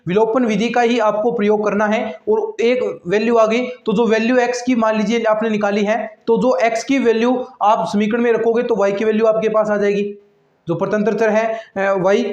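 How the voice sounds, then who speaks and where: A man with a high voice teaches maths to his online students, chatting and repeating himself as he explains. His voice carries around an echoey classroom, and the sound is a little dull. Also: a little mellow. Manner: chatty and repetitive, addresses students as friends and lectures them about attendance. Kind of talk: online exam-prep lecture.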